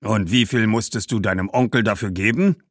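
A man's voice: on the low side, fairly quick, fairly bright tone, dry recording, studio quality, pitched above the performer's own voice. A man voicing a shrewd, grumbling middle-aged shoemaker who haggles skeptically. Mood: haggling.

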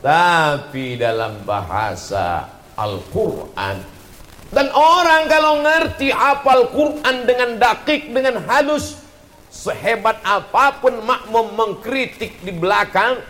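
A man giving an animated religious lecture as a preacher, breaking into slow chanted recitations. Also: high voice, roomy sound. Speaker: Islamic preacher.

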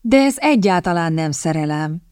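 A woman's voice: fairly low pitch, lively intonation, a little mellow, smooth, no echo, studio quality, lightly acted. A woman voicing an earnest, tender-hearted romantic girl in an audiobook. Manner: earnest, wistful.

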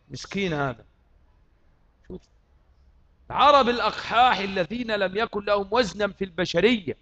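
High bright Egyptian preacher. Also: male voice, muffled recording. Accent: Egyptian Arabic. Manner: rhetorical questions to the audience, mixing colloquial and classical speech. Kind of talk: sermon.

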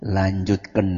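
A man preaching a lively sermon, asking his audience questions and answering them himself. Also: sits low, creaky, slightly rough. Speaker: Islamic preacher. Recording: lo-fi recording in a large echoing hall.

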